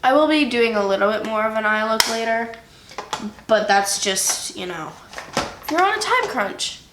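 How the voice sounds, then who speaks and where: A young woman with a high voice and wide swings in pitch chats her way through a makeup tutorial. A cold leaves her a little nasal, and she talks in an unhurried way, full of fillers. This beauty vlogger is recorded in an echoey room with faint background noise.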